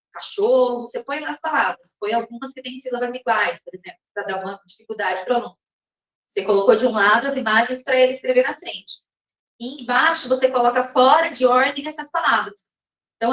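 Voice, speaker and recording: A woman teaches a recorded lesson in a slightly high voice, explaining step by step and pausing to check that her listeners follow. She slows to read some passages aloud. Her voice is set back from the mic with a roomy echo around it. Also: fairly bright tone, recorded from a distance. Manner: slows down and reads some passages slowly, as if from a text.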